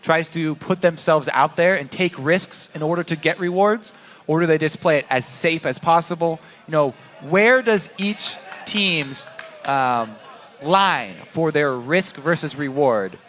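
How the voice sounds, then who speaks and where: Male esports co-caster, a bit high-pitched, jokey relaxed analysis. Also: a little slow. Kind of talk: casual commentary banter.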